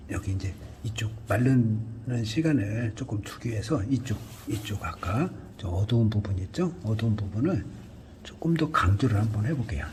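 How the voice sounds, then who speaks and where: Soft-spoken man teaching painting. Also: mid-range voice, a little hiss or hum. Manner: calm, talks through each brushstroke, often drops to a near whisper. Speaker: art instructor. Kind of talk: painting tutorial narration.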